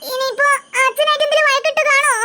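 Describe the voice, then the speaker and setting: Chatty little cartoon kid, very high-pitched, recorded with long reverb and loud noise. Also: flat delivery, very fast. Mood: puzzled, grumbling. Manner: chatty, fondly scolding. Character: small child coaxing mother at night. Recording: very echoey, noisy, long reverb.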